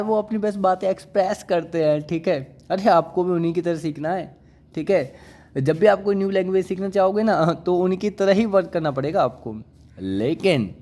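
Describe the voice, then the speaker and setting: A man with a voice on the high side and a slightly mellow tone lectures a class on English vocabulary. He teaches through repeated questions and repeated words, coaxing listeners he addresses as brother and child.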